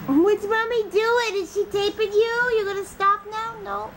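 A woman's voice: very high voice, fairly even intonation, measured pace. A woman vlogging casually, talking to her pet in a sing-song voice and to her viewers in a chatty way. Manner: chatty, signs off with blessings. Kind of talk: casual home vlog. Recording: noisy phone recording.

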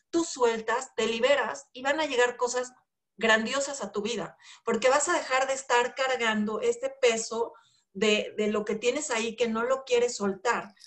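A woman's voice: mid-range voice, fairly bright tone. A middle-aged woman with a Mexican accent, hosting an interview and reflecting aloud, with many "este" and "pues" fillers. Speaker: host. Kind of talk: casual interview talk.

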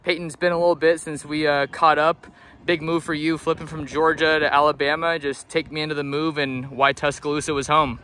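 A man's voice: fairly high pitch, level tone, a little fast, bright, forceful tone. A man working as a sports reporter, asking interview questions outdoors at a football field.

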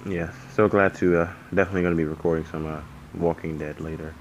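A man with a low voice talks loosely over his gameplay, drowsy and yawning. He rambles and swears freely, with a faint hum of background noise behind him. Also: steady tone, quick pace, lo-fi sound. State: sleepy, yawning. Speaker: gaming channel host. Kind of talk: casual gameplay commentary.

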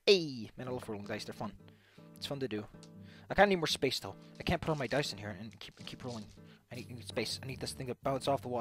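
A man casually commentating as he builds a tabletop game character, playful and thinking out loud. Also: mid-range voice. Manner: playful, thinking aloud, mild swearing.

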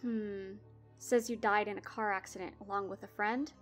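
A woman's voice: mid-range voice, fairly even intonation, normal speed, faint music behind, lightly acted. A woman voicing a bored, weary balding gatekeeper in his fifties in a spoken horror story. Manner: bored, brusque.

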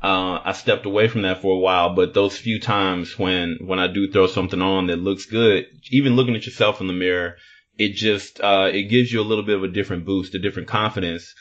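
A man's voice: low voice, steady tone, brisk, dull audio. A man hosting a podcast, asking long, thoughtful questions and restating what the guest said. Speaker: podcast host. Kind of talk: interview questions.

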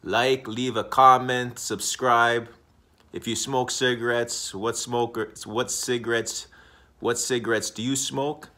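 A man in his thirties casually chatting on a smoking vlog, rambling and repeating himself with many pauses, recorded in a room on a webcam. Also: mid-range voice. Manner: rambling, repetitive, relaxed, with many uhs. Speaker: smoking vlogger. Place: indoor room.

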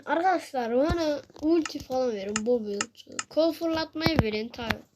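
A woman giving casual gameplay commentary, excitable and taunting, calling out to in-game enemies in slangy trash talk. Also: sits high, normal speed, background noise. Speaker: gaming channel host.

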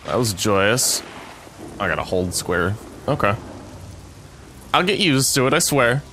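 A man's voice: lowish voice, very animated, a little slow, pushed and bright, slight background noise. A man giving casual, sweary commentary as he plays a video game. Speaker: let's player.

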